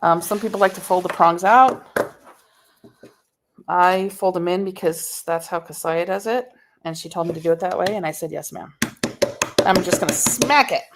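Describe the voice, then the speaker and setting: A woman's voice: fairly low pitch, moderate pace, background noise. A woman hosting a live sewing tutorial, chatting casually and answering viewer comments as she works, recorded on a laptop microphone in a home sewing room. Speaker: sewing instructor.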